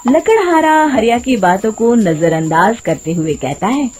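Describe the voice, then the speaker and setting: Slow, animated woman storyteller. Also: fairly high pitch, noisy background. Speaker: narrator. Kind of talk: scripted children's story narration.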